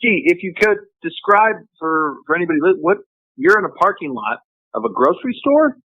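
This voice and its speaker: A man's voice: high voice, big pitch swings, fairly quick, dry recording. Chatty man over a tinny phone line. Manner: laughs often, chatty. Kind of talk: casual chat.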